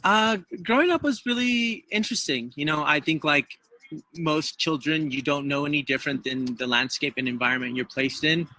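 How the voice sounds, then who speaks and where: A man's voice: fairly high pitch, normal speed, pushed and bright, dry recording, low-quality recording. A man from El Salvador, a trail runner guest in an interview, speaking in a hesitant, heartfelt way with many fillers. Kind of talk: conversational interview.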